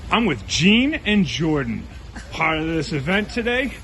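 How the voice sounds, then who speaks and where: A man's voice: fairly high pitch, very animated, measured pace, vocal fry, sharp tone. A man reporting on location at an outdoor event, interviewing in a jokey, theatrical way. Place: outdoors at a rainy, windy waterfront event. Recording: noisy outdoor location sound.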